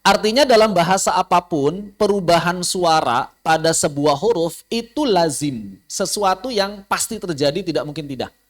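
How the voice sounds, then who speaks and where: A man teaching an online tajwid lesson, explaining with many examples, repeating key words and chanting Arabic verse slowly. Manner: lively, sudden jumps in pitch for emphasis. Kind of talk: online Quran recitation lesson.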